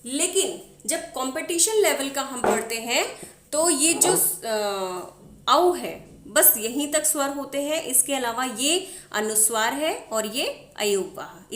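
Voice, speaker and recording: A woman's voice: high-pitched, fairly bright tone. A woman teaching the Hindi alphabet, sounding out each letter and often checking in with her viewers. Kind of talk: slow alphabet lesson.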